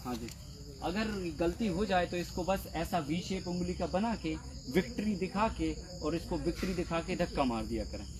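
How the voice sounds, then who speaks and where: Animated and high-voiced, a man at a moderate pace guides farm trainees through their work in an open field, repeating his words with patience. Crowd noise mixes with a faint buzz of insects.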